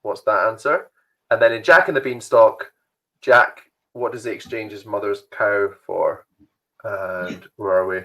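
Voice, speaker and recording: A man's voice: lowish voice, measured pace, pushed and bright, rough recording. A young man hosting an online youth quiz from home, chatty and rambling, laughing often. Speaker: youth group host.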